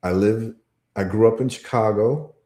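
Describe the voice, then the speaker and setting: A man's voice: fairly low pitch, moderate pace, dark tone, roomy sound. A man from Ghana talking in a casual show monologue, emphatic and repetitive as he tells stories. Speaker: podcast guest.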